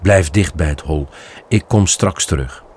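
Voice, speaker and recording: A man voicing a stern, noble father stag in a storybook reading, speaking in a deep, slow, grave way. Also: a little mellow, a little hiss or hum. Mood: gentle, grave.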